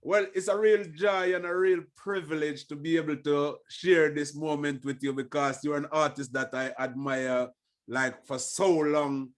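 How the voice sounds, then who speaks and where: A man's voice: on the high side, fairly even intonation, normal speed. A man hosting a reggae podcast, respectful and enthusiastic as he asks his guest questions. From Jamaica. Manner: enthusiastic, respectful, says "give thanks". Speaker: podcast host. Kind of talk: warm casual interview.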